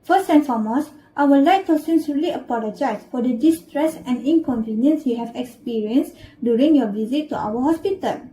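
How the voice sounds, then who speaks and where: A female patient relations officer acted by a woman speaks with formal, scripted empathy. Her voice is high yet mellow, and her delivery is courteous and apologetic, as in a role-play. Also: brisk, few pauses, a little hiss or hum, close to an everyday voice, poor audio.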